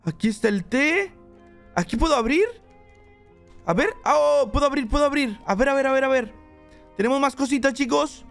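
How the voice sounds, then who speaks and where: High-voiced excitable gamer. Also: male voice, moderate pace, creaky, long pauses, soft background music. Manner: excitable, chatty, talks to his viewers. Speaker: gaming channel host. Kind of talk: excited let's play commentary.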